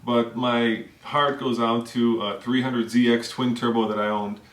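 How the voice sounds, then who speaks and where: A man's voice: mid-range voice, little pitch movement, unhurried. A middle-aged man from the Czech Republic hosting a car show, telling chatty stories with laughter while sitting on a living room floor. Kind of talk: casual storytelling chat. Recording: roomy echo, distant mic.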